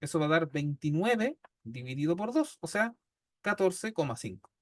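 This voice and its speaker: This is a classroom statistics lecture by a man with a Chilean Spanish accent, who explains patiently step by step and checks in with his students constantly via "¿ya?". His voice is on the high side with big pitch swings and a moderate pace, captured in clean studio sound without room noise.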